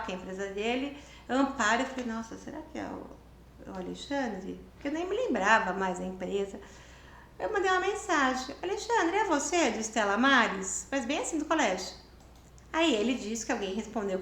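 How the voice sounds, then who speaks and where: A woman around fifty with a Brazilian Portuguese accent, a guest in an interview who tells her story in a casual, animated way and acts out the dialogue. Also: a little high. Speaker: interview guest, writer and lawyer. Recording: roomy echo.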